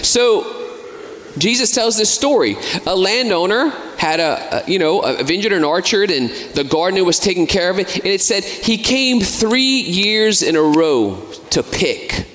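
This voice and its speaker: Chatty preacher in an echoing hall. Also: male voice, sits high, animated, unhurried, a bit bright. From United States. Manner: conversational, with casual asides and fillers. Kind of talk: sermon. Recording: long hall reverb.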